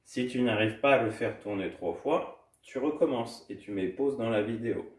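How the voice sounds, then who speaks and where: A man leads a home gym class for little children, his cheerful, sing-song voice pitched right in the middle. He is set back from the microphone. The room gives his voice a clear echo. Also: normal speed, darkish tone. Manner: cheerful, sing-song, demonstrating while moving. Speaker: kids' gym coach. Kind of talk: instructional talk to small children. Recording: echoey room, distant from mic.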